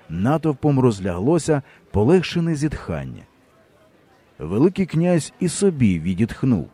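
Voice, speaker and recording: A man narrating a historical novel as an audiobook in an expressive, measured storytelling manner. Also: mid-range voice, husky.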